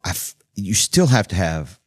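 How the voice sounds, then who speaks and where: A man's voice: low voice, sing-song, normal speed, dry recording. A man hosting a studio podcast interview, chatty and affirming toward his guest. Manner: affirming, chatty, keeps saying "yeah". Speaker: podcast host. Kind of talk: casual interview talk. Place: recording studio.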